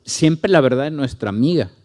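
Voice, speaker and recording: A middle-aged male pastor with a Mexican Spanish accent, teaching a Bible study and telling stories with acted-out dialogue. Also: normal speed. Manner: storytelling, acts out dialogue with lively pitch swings.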